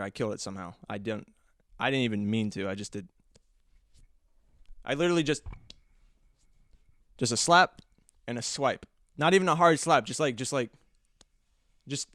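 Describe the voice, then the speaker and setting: Young male podcast host, smooth and clear, close dry sound, rambling anecdotes full of restarts. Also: mid-range voice, no echo. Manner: animated, acting out his own reactions. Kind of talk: casual storytelling monologue.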